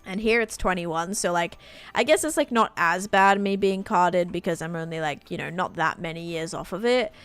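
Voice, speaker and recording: A woman's voice: on the low side, moderate pace, smooth, faint music behind. A woman, chatting casually and rambling with lots of fillers while she streams a game. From Australia. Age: late 20s. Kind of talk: casual chat while gaming.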